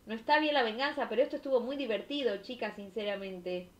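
A young woman from Argentina with a Rioplatense accent, reacting to viewer stories on a stream in an expressive, slangy way. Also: on the high side, fast. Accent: Rioplatense Spanish. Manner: expressive, slangy, laughing and exclaiming. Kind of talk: casual chat reacting to stories.

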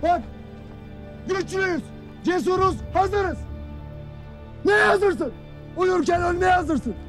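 Harsh army commander chewing out his unit; shouting, pushed way up in pitch. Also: slow pace, music in the background, exaggerated voice. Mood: furious. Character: stern male army commander berating his troops. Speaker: military commander. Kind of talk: dramatic film acting.

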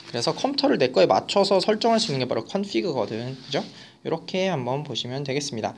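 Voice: medium pitch, a little hiss or hum. A teacher giving an online vocabulary lecture who mixes casual and polite speech and keeps checking in with students.

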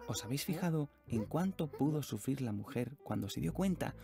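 A man playing a friar presenter on a children's TV show. He speaks in a gentle, questioning, teacherly way. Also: mid-range voice, animated, a little fast, vocal fry. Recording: music underneath.

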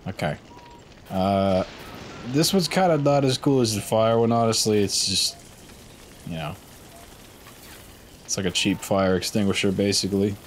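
A man's voice: fairly low pitch, measured pace, pauses often, a little hiss or hum. A man hosting a let's play, rambling loosely and swearing a lot in sleepy, stoned gameplay commentary. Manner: rambling, loose and heavily profane.

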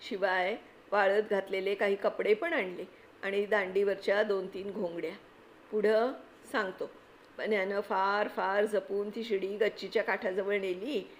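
A woman reading a children's adventure story aloud, with expressive, lively narration. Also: mid-range voice, a little hiss or hum, low-quality recording. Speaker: reader.

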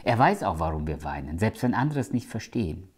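A man preaching a sermon. He speaks with emphasis, slows down to quote scripture and sometimes drops to a hushed tone. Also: low-pitched, big pitch swings, slightly rough.

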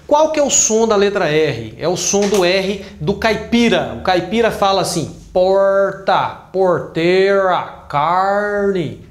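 A Brazilian man teaching English pronunciation, drawing out each sound slowly as he demonstrates it. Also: sits high, roomy sound. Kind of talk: explanatory lesson.

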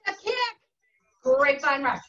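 High-pitched energetic woman aerobics instructor, far off. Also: moderate pace, background noise. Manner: energetic, encouraging short shouted cues and whoops while exercising. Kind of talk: aerobics instructor calling out workout cues. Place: carpeted living room at home. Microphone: camera across the room. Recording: distant mic, dull sound, music behind. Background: workout music.

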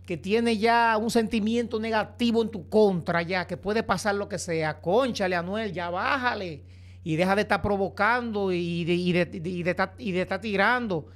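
A man's voice: high voice, normal speed, a bit bright. Preachy male gossip commentator. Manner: preachy, repeatedly addresses viewers as señores. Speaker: entertainment news commentator.

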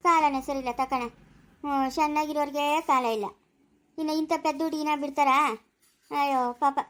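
A woman playing a blunt, gossipy village neighbor who talks in rapid rural Chikkaballapur Kannada, heard from some distance off the mic. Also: high-pitched, flat delivery, a bit bright. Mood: gossiping. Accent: Kannada, Chikkaballapur rural dialect. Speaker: neighbor Subbamma.

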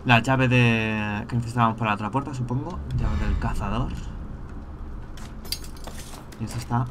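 A man giving casual let's-play commentary, thinking aloud and breaking into excited rants. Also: medium pitch, fast talker, background noise. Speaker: gameplay streamer.

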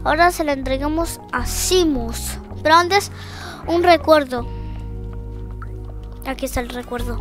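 A woman's voice: high-pitched, measured pace, long pauses. A woman hosting a gaming channel, chatting casually as she narrates what she does in the game. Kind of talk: casual gameplay commentary. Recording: game music playing behind.

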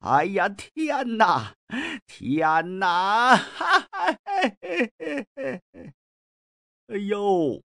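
A middle-aged man narrating a classic tale in a lively, colloquial storytelling style with joking asides. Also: high-pitched, no echo, clean studio sound.

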